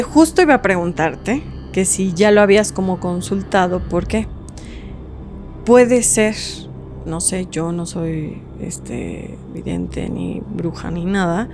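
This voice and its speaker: Slow-speaking woman podcast host. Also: lowish voice, a little mellow. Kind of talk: casual podcast chat.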